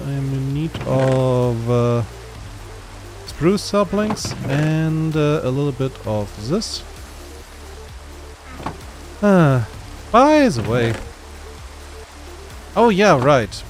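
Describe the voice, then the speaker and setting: Slow, easygoing German-accented man. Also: on the high side, lively intonation, over music. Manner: laid-back, rambling, self-deprecating. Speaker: game streamer. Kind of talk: casual gaming stream chat.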